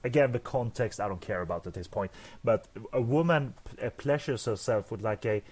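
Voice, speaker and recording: A man's voice: mid-range voice, a little fast, a little mellow, husky. A man co-hosting a casual movie podcast, stammering and repeating words, often chuckling. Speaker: podcast co-host.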